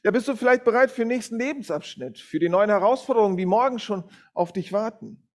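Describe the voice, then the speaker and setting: A man's voice: high-pitched, animated, quick pace. A middle-aged man preaching a sermon in an informal way, with many fillers and self-corrections. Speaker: guest preacher from a Bible school. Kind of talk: sermon with a read-aloud story.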